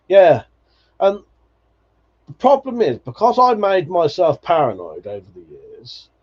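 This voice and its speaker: A livestream host in his forties, with a high-pitched, somewhat dark voice, chats casually and nostalgically while reading viewer comments. He swears freely and laughs often, and the stream audio is dull and lo-fi.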